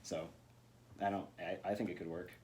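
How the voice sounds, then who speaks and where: A man speaking as a voice actor guest in a casual interview, relaxed and thoughtful, rambling with lots of fillers. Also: deep voice, normal speed, crowd noise.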